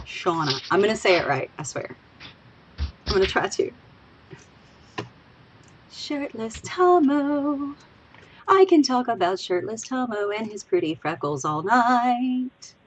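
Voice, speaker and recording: A Louisiana woman with a Southern accent co-hosts a casual livestream podcast, a bit tipsy from drinking, rambling chattily with giggly asides. Her voice is mid-range, with slight background noise.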